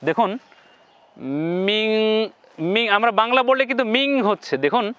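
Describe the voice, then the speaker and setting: A man teaching Quran recitation in a step-by-step lesson, slowly repeating syllables for viewers to copy and giving the Arabic sounds a heavy nasal tone. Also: very high-pitched, expressive, bright, forceful tone, clear, resonant tone, dry recording.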